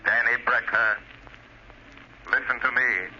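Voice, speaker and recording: An actor playing a mysterious, commanding invisible avenger in a 1930s radio drama, stern and theatrical, with a filtered voice. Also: male voice, medium pitch, fairly even intonation, slow. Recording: muffled, hissy 1930s radio recording.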